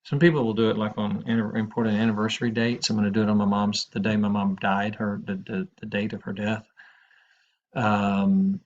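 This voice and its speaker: Rambling man lecturing in a monotone. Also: fairly low pitch, brisk. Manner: rambling, many fillers and restarts, frank anecdotes. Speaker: crisis counseling instructor. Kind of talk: informal classroom lecture. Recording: dull lo-fi classroom recording.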